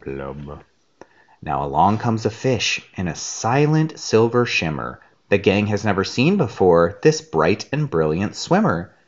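A man in his thirties, a parent co-hosting, reading a children's storybook aloud in an animated, playful way. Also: on the low side, measured pace, hardly any pauses, dull audio.

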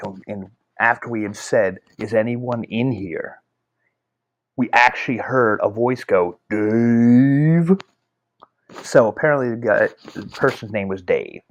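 Man, middle-aged, lowish voice, casual animated storyteller. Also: a little slow. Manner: animated, rambling with fillers and restarts. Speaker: author.

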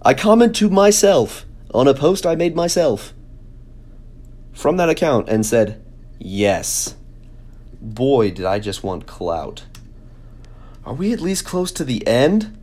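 A man's voice: mid-range voice, sing-song, takes it slowly, pauses often, darkish tone. A young man vlogging, mocking himself in sarcastic, casual commentary with exaggerated exclamations.

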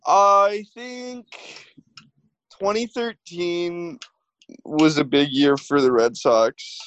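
A man with a somewhat high voice hosts a sports podcast in relaxed chat, wry and teasing. He runs through topics and schedules at an easy pace. The recording is close and dry, with no room sound. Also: very slow, no room sound, muffled recording. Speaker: podcast host. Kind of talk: casual chat.

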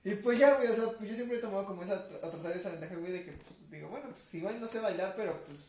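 A man with a Mexican accent telling a long story in a casual chat, filling every pause with "güey". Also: high voice, a little mellow, distant mic. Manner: slangy, says "güey" constantly. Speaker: podcast guest or co-host. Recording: roomy, off-mic, faint noise.

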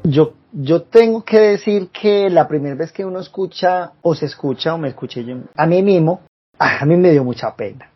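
A man's voice: on the high side, moderate pace, breathy edge, lo-fi sound, soft background music. A man co-hosting a podcast, chatting casually and laughing often. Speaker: podcast co-host. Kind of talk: casual chat.

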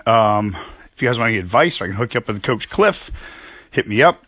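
A man in his forties talks in a bright, forceful voice, still out of breath from working out and breathing heavily between phrases. He is upbeat and casual, and the sound is dry and close with no room echo. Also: lowish voice, expressive, brisk. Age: 40s. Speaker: podcast host. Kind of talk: casual motivational talk. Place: home gym.

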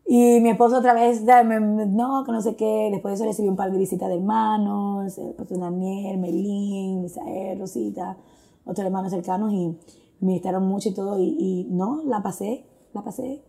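A woman with a mid-range, dark voice and a touch of vocal fry speaks at a normal speed, her delivery flat. As a guest, she shares a personal faith testimony in Spanish mixed with English phrases, earnest and reflective and full of fillers.

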